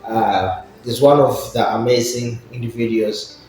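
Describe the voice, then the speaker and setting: A man's voice: mid-range voice, steady tone, measured pace, a little mellow, slight background noise. A man hosting an interview, putting questions to his guest in a conversational way. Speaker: interviewer, host. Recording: very echoey room, music in mix.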